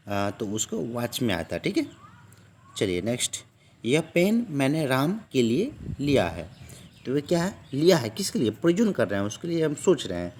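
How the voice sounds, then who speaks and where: Animated male tutor going through exam answers. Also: medium pitch, slight background noise. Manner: repeats "theek hai" constantly, asks and answers own questions. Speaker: online tutor. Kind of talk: exam question walkthrough.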